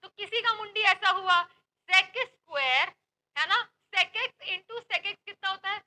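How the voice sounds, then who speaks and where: Young up-accent woman teacher, super high sharp voice, chatty and playful with her students. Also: animated, slow pace, low-quality recording. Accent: Uttar Pradesh Hindi. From Uttar Pradesh, India. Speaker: online maths teacher. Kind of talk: lively online class, Hindi-English mix.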